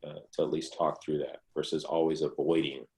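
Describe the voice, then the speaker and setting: Male presenter, low-pitched, easygoing explainer with lots of restarts. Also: brisk. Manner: relaxed conversational explaining, with restarts. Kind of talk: online presentation Q&A.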